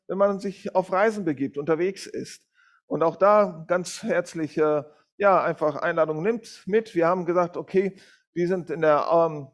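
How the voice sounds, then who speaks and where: A middle-aged man preaching a sermon in an informal way, with many fillers and self-corrections. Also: a little high. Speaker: guest preacher from a Bible school. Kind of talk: sermon with a read-aloud story.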